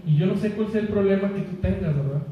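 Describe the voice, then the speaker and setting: A man's voice: sits high, fast, lo-fi sound. A man with a Mexican accent preaching a sermon, telling a personal story in a jokey, chatty way and laughing at his own jokes. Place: church hall. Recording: echoey church hall, mic from far off.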